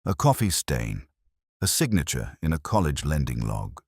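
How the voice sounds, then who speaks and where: A man playing a brooding, literate police inspector, narrating a detective drama in a measured, wry, reflective way. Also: rumbling low, big pitch swings, slightly rough, no echo, studio quality, full character voice. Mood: brooding, melancholy. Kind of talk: scripted first-person detective drama narration.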